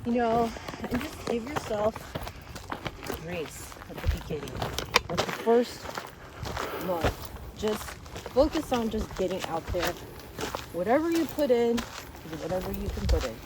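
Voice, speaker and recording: A woman's voice: medium pitch, big pitch swings, unhurried, pauses often. A woman chatting casually on a hike, earnest and encouraging like a coach to her companion. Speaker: hiking companion giving encouragement. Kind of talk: casual chat. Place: outdoors on a hiking trail. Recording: clear outdoor background noise.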